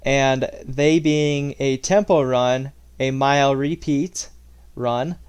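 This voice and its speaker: A man giving a vlog-style training recap, reading out stats in a matter-of-fact, somewhat halting way. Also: medium pitch, fairly even intonation, darkish tone, clear, resonant tone. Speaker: running vlogger.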